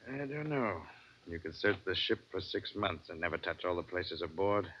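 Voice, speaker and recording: An actor playing a weary, fatherly older ship's captain in an old radio drama, calm and reassuring. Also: low-pitched, normal speed. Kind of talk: 1950s radio drama acting. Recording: dull old radio recording.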